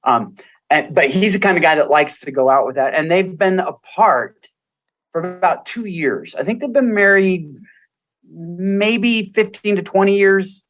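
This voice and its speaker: A man's voice: sits high, lively intonation, unhurried, a bit bright, faint music behind. A man, a guest on a podcast, earnestly telling stories about couples and acting out what they said. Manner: earnest storytelling, acts out quoted voices. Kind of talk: casual interview talk.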